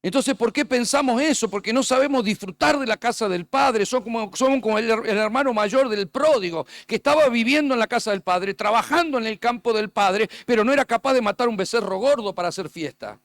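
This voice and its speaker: A man's voice: extremely high pitch, a little fast, few pauses, fairly bright tone, no room sound, clean studio sound. A man preaching a sermon as pastor, telling stories and acting out the dialogue.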